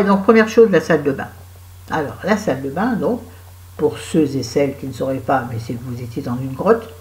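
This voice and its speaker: A French woman with a cold and a sore throat, chatting to her viewers in a rambling, self-mocking vlog at home. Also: low voice. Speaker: vlogger. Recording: echoey room.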